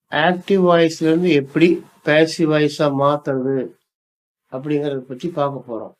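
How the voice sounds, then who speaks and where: An older man with a Tamil accent teaching English grammar, explaining step by step and reading example sentences slowly. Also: on the high side, darkish tone, poor audio. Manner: deliberate, spells out example sentences slowly, mixing in English phrases. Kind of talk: slow explanatory lesson.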